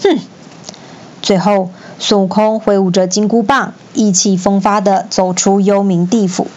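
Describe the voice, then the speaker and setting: A woman storyteller reading a children's classic aloud in an expressive, lively manner. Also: mid-range voice, normal speed, highs cut off.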